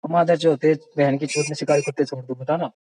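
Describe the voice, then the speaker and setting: A man's voice: a little high, steady tone, fast, dark tone, breathy edge, rough recording. A man on a voice call, delivering a heated, aggressive rant full of taunts and insults. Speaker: caller in a group voice call. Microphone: phone on a voice call, screen-recorded.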